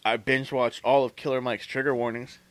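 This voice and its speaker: A man co-hosting a podcast, talking in loose, casual chat. He swears freely and keeps up a joking, teasing banter. His pitch sits at an ordinary middle height for a man. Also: little pitch movement, a little fast, no echo. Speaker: podcast co-host.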